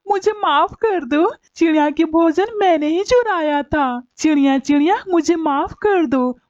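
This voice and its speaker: A woman's voice: high-pitched, a little mellow, dry recording. A woman voicing a lazy, thieving male bird in a cartoon, grumbling and whiny. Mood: pleading. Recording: dull lo-fi recording.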